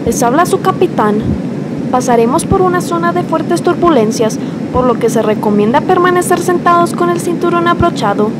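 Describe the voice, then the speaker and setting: A woman's voice: extremely high pitch, expressive, normal speed, very noisy. A woman playing an airline captain who gives formal airport-style announcements to passengers. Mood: calm, official. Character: airline captain giving calm flight announcements.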